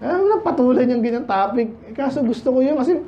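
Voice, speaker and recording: A pastor from the Philippines giving a conversational sermon, asking many rhetorical questions and reading Bible verses slowly in English. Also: male voice, very high voice, animated, muffled recording, a little hiss or hum.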